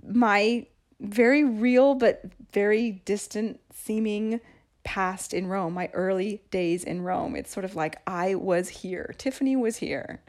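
A woman podcast host, a native English speaker, tells her own stories in a casual monologue, chatty and often laughing through the anecdotes. Her voice is mid-range and a little mellow.

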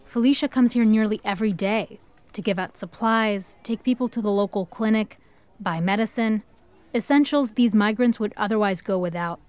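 A woman co-hosting a podcast, narrating the story in a measured, scripted way. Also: mid-range voice, a little mellow, no echo. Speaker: podcast co-host.

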